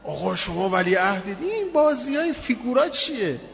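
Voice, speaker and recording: A man preaches a sermon and tells a story with lively expression, acting out the voices of its people. His voice sits high. It echoes through a reverberant hall, and the recording sounds dull and muffled. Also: gravelly, a little hiss or hum. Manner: expressive, acts out quotes in the story.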